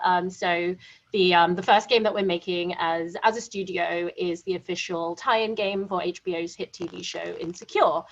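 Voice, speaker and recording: Woman, studio founder, lively panel speaker, dull lo-fi sound. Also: fairly low pitch. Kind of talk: panel discussion. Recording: muffled lo-fi audio.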